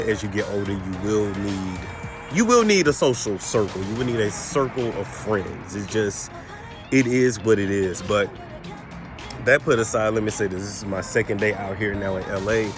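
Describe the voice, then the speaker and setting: A man in his thirties vlogging in a casual, rambling, slangy way, talking straight to his viewers and swearing freely. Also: fairly low pitch. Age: 30s. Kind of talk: casual vlog chat.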